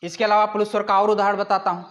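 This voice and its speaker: High-voiced man teaching in a lecture. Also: level tone, fairly bright tone. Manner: explains with rhetorical questions and drawn-out calls. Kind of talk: classroom lecture.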